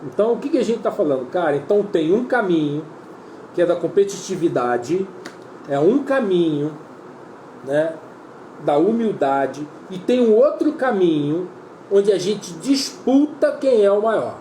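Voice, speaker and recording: Preaching in a Brazilian Portuguese accent, a man uses a high, warm and animated voice at a slightly slow pace. His sermon is earnest and repetitive, frequently calling listeners brother, and a little hiss or hum sits beneath the roomy echo and faint ambience.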